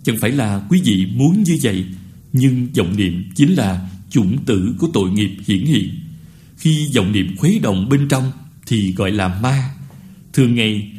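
A man giving a Buddhist dharma talk to a retreat, earnest and admonishing, slowly chanting short verses. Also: lowish voice, animated, darkish tone. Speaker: Buddhist teacher.

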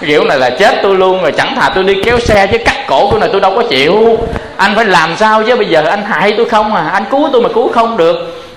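Frantic folk-tale horse voiced by a man, high strained pitch, echoey room. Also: lively intonation, rapid-fire, hardly any pauses. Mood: panicked. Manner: frantic, pleading. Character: overworked male horse, panicky and pleading.

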